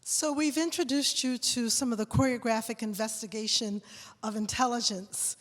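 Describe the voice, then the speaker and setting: A slightly high-voiced woman speaks from a theater stage, effusive and open with the audience. Her words carry a long reverb from the hall around her. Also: steady tone, moderate pace. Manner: effusive, addresses the audience directly. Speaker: director and choreographer presenting a work. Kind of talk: onstage talk to a live audience.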